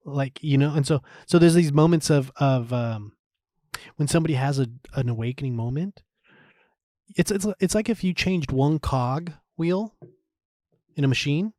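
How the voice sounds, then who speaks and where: A man guest on a podcast, candidly telling his story with animated quoted asides, fillers and restarts, laughing as he goes. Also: a little high, moderate pace, dry recording, studio quality.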